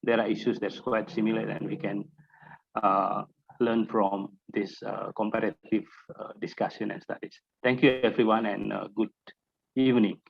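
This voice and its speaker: A man from Malaysia, giving closing remarks at an online panel in a halting way with many filler pauses. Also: on the low side, flat delivery, vocal fry, slightly rough. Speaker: steering committee representative. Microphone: video call. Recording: lo-fi muffled call audio.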